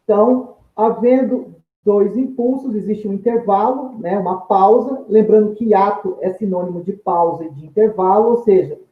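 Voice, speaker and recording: A male teacher, giving a recorded grammar lesson in a methodical way, restating each term with synonyms and drawing out example words. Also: high-pitched. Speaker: Portuguese teacher. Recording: echoey room, tinny phone-like sound.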